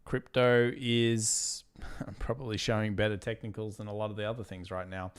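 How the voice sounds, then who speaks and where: A fairly low, clear, resonant male voice with an Australian accent and little pitch movement speaks at a moderate pace. He is a trading channel host running a live market analysis stream, rambling casually and reading viewer questions aloud while his voice tires after hours of talking.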